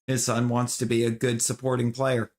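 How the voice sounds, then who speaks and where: An opinionated man chatting casually while he plays a game on stream. He talks to his viewers in a loose, rambling way, restarting his sentences as he goes. His voice sits at an ordinary pitch for a man. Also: completely flat delivery, normal speed. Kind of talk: casual chat while gaming.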